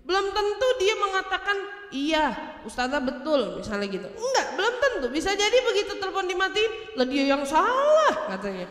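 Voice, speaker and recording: A lively woman preacher, her high, bright voice bouncing around a big echoey hall. She laughs easily and slips into quick little impersonations as she teaches. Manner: animated, humorous, acts out quoted speech; laughs often while speaking. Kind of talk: religious study talk.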